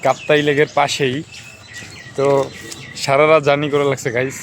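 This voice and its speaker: A hoarse man talking casually to his viewers in a travel vlog, outdoors by a lake. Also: on the high side, little pitch movement, normal speed, fairly bright tone, a little hiss or hum. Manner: chatty, addresses viewers. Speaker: vlogger.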